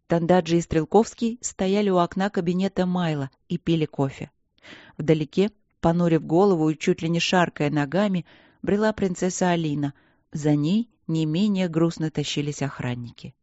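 An audiobook reader giving an even, measured scripted narration. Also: medium pitch, dry recording, lo-fi sound.

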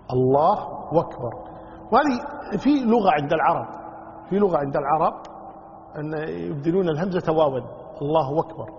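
A man gives a religious lesson in a lecture hall with long reverb, and his somewhat high voice comes through a dull, lo-fi recording with faint hiss. He sings and stretches phrases as he acts out mistakes. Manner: imitates wrong chants of the takbir, drawn out and sung. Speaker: sheikh teaching a fiqh book. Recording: lo-fi, echoey hall.

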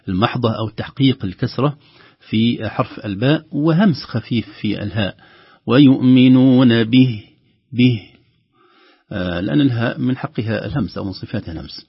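A man teaching Quran recitation on the radio, explaining points and then reciting the examples slowly and with long, drawn-out sounds. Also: lowish voice, breathy edge, dry recording. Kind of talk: recitation lesson. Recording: lo-fi radio broadcast.

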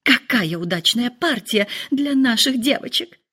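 A woman voicing an excitable, fretful middle-aged mother who speaks in high, gushing exclamations. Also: a little slow. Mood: excited.

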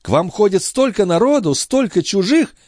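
A man doing a shrill old concierge woman. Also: big pitch swings, moderate pace, darkish tone, dry recording, studio quality. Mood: shrill indignant. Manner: whiny, indignant, sugary.

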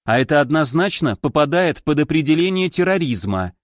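A man voicing a suspicious, prickly young woman in an audiobook, sharp and grumbling. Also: on the high side, sing-song, fairly quick, dry recording, studio quality.

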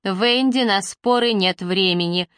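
A woman voicing a calm, firm young man who speaks steadily and insistently in a storybook reading. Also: medium pitch, a little slow, clear, resonant tone, no echo, studio quality, close to an everyday voice.

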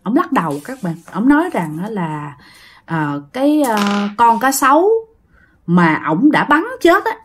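A woman's voice: a little high, measured pace. A woman with a Southern Vietnamese accent telling a ghost story, talking straight to her listeners. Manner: animated, addressing listeners directly.

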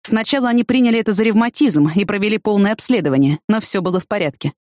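A woman reading an audiobook, voicing a blunt, hot-tempered young man who speaks in a gruff, matter-of-fact way. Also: mid-range voice, animated, fast talker, darkish tone, no echo, studio quality, lightly acted.

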